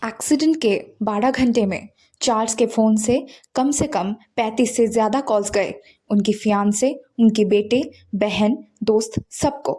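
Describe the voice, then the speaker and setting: With a slightly mellow, higher-pitched voice and measured pace, a woman hosts and narrates scripted paranormal stories, building drama and suspense while mixing in English words.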